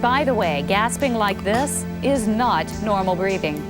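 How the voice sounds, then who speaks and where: A woman giving scripted CPR instruction, calm and clear, coaching step by step. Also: medium pitch, measured pace, over music.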